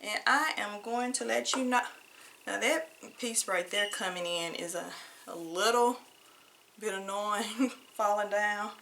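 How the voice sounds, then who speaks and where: A woman's voice: medium pitch, a little slow, creaky, pushed and bright, a little hiss or hum. A woman casually reviewing a wig at home, chatty, drawing out her praise and calling viewers honey. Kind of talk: casual product review vlog. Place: home room with wigs on floor.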